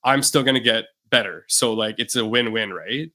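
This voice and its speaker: This is a casual podcast interview with a young musician from Canada, whose mid-range voice moves at normal speed. He talks in a relaxed, meandering manner packed with fillers.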